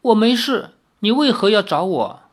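A reader voicing a fragile young woman who speaks in a hesitant, soft, pleading way. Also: medium pitch, lively intonation, normal speed, pitched above the performer's own voice, lightly acted.

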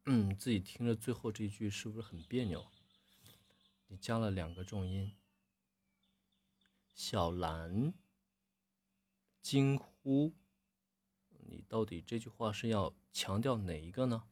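Low husky male voice coach. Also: normal speed. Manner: frequent throat clearing, relaxed corrective tone. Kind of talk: live-stream critique of students' readings.

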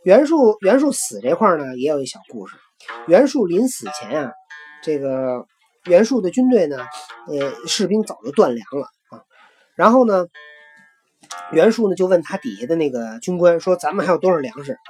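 Casual female history host, Beijing accent, lowish relaxed voice, animated retelling, faint music behind. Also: normal speed.

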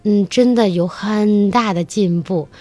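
This adult woman, mother of a young child and a children's musical theatre teacher, speaks at a measured pace in a medium-pitched voice. As a talk-show guest she is enthusiastic and animated, performing quoted lines while recounting her stories.

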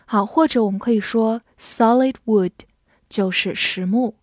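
A woman teaching English vocabulary, spelling words letter by letter and reading example sentences slowly for students to follow. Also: a little high, dry recording, clean studio sound. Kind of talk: vocabulary lesson narration.

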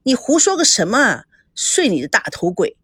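A sharp-tongued young woman who speaks in a pointed, teasing way with a lively, wide-ranging voice, as a woman storyteller puts her on. The sound is dry and close. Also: a little high, normal speed, slightly rough, dry recording, pitched above the performer's own voice, heavily acted. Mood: scolding.

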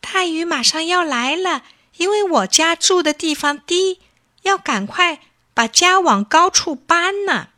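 A woman voicing a group of small, busy ants in a children's story, explaining things briskly in a raised voice. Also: extremely high pitch, animated, bright, forceful tone, no room sound, studio quality, voice pushed up, exaggerated voice.

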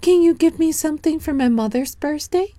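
A woman's voice: warm tone, no room sound, natural voice. A woman voicing a polite, eager young boy in a children's storybook reading. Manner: high, quick, eager asking.

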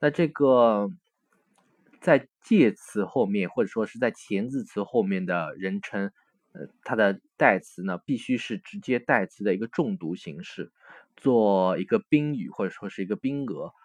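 A man walks through a recorded textbook lesson. He explains patiently, pausing on fillers and correcting himself now and then. The sound is dry and close, with little room in it. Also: on the low side, expressive, no echo. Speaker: Italian language teacher.

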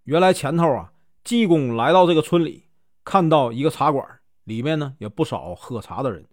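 A man from Northeast China telling a folk tale as a casual storyteller, lively and animated. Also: fairly high pitch, moderate pace, dry recording, clean studio sound.

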